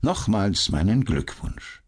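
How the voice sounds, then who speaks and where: A man's voice: fairly low pitch, sing-song, takes it slowly, slightly rough, voice pushed up, exaggerated voice. Sherlock Holmes, a man voicing a mocking detective. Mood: ironic. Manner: dry, mocking and cool. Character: Sherlock Holmes, sharp ironic male detective. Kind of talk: audiobook character voice.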